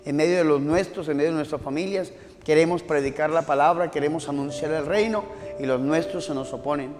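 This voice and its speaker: Fervent preaching priest in a reverberant hall. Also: male voice, on the high side, a little fast. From Colombia. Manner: fervent preaching with repeated phrases. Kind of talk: sermon. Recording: long hall reverb, faint music.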